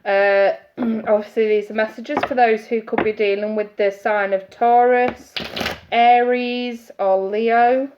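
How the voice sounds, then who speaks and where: Slow and on the high side, this woman's voice carries a chatty live-stream tarot reading. Hay fever leaves her congested as she greets viewers by name, and the audio sounds muffled, with constant hiss.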